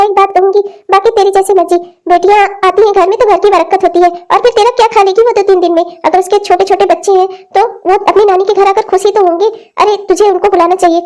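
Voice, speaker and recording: A scolding, fast-talking grandma. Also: female voice, very high-pitched, fairly even intonation, a little mellow. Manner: scolding, lecturing. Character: elderly grandmother, scolding, full of advice. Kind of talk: cartoon dialogue acting.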